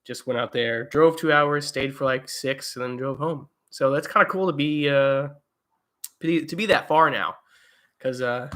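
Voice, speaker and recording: A man's voice: medium pitch, sharp tone. A young man hosting a casual livestream, reading viewer comments and rambling with lots of fillers and restarts from home. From eastern United States. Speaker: livestream host. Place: home, indoors.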